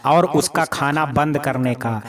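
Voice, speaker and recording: A man's voice: fairly high pitch, takes it slowly. A man voicing a caring mother who warns and defends her daughter. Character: protective, worried mother of a daughter. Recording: crowd noise in background.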